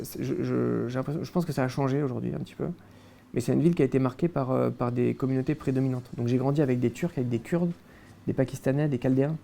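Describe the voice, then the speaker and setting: A man's voice: medium pitch, gravelly, warm tone. A young man from France, a guest in a casual interview, recounting his childhood with many hesitations and restarts.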